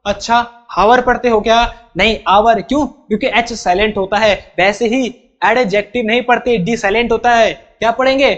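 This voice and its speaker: A man's voice: very high-pitched, steady tone, normal speed, few pauses, fairly bright tone, muffled recording. A man teaching a grammar lesson in an emphatic way. He keeps asking questions, answers them himself and drills terms by repeating them. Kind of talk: classroom-style grammar lesson.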